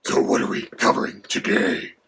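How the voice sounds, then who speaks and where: A voice, given as male, playing a haughty dragon companion with a gravelly, creaky, half-whispered sound. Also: moderate pace, pushed and bright, a little hiss or hum, close to an everyday voice. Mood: lecturing. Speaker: co-host.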